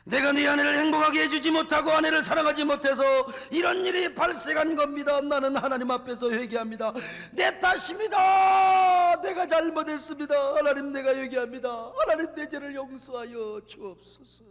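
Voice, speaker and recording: A man acting out a husband who shouts out his own blame and repentance before the congregation. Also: fairly high pitch, monotone, fast talker, creaky, few pauses, pitched below the performer's own voice. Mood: impassioned. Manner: impassioned, shouting. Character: forgiving husband publicly taking the blame. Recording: long church hall reverb.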